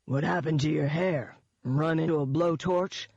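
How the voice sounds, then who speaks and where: A woman voicing a huge, gruff male bar bouncer who asks blunt questions. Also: sits low, moderate pace, a little mellow, dry recording, heavily acted. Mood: mocking. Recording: dull, dry audiobook recording.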